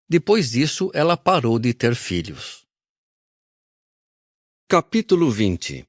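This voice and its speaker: A man reading a Bible audio recording aloud in a measured, solemn narration. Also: medium pitch, no echo, clean studio sound.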